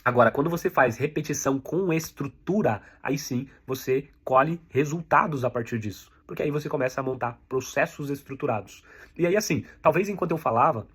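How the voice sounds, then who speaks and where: A man's voice: medium pitch, brisk, husky. A man with a Brazilian Portuguese accent teaching an online sales lesson, speaking directly to the viewer and repeating key points so they can be noted down. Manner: direct, repetitive coaching, addresses the viewer as you. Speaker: sales instructor.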